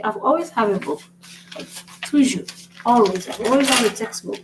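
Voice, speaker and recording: A woman's voice: a little high, a little hiss or hum, poor audio. Chatty woman teaching French basics. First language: English. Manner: chatty, repeats "right?" often, writes on a board. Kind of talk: casual video lesson.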